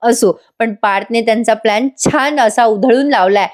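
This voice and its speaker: A woman's voice: fairly high pitch, moderate pace. A woman giving a chatty voice-over recap of a TV serial, talking straight to viewers and laughing often. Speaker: TV serial reviewer.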